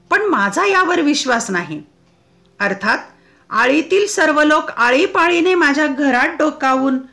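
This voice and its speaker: Slow, high-voiced woman reading aloud. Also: a bit bright. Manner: clear, deliberate recitation. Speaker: teacher. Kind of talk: reading a textbook essay aloud.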